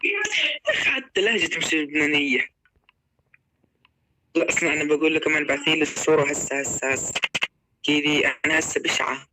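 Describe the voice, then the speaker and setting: A young man with a Levantine Arabic accent chatting casually and telling a story in an animated way, quoting dialogue as he goes. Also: on the high side, fast talker, pauses often, a little hiss or hum, low-quality recording. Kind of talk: casual chat on a prank call.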